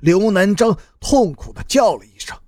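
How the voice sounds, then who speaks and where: A man narrating an audiobook with slow, dramatic storytelling. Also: high-pitched, animated, dark tone, no room sound, studio quality.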